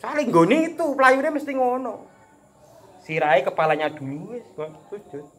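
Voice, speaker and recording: A man with a Javanese accent giving a casual religious talk as a preacher, animated and joking, chuckling often. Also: high-pitched, unhurried. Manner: animated, chuckles often, mixes teaching with jokes.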